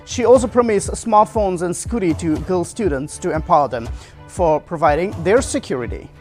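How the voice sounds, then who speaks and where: High-pitched male newsreader. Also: lively intonation, normal speed, a little mellow, soft background music. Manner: formal. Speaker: news anchor. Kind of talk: scripted news reading.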